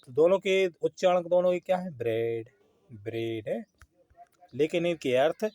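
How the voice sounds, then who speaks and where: A man teaching English grammar at a very slow, deliberate pace. He spells each word out letter by letter and then quizzes the class with rhetorical questions before answering them himself. His voice sits at a middling pitch and sounds dry and close, with no room echo. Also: lively intonation, darkish tone. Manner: ends phrases with a checking "हैं?". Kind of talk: Hindi-language English grammar lesson.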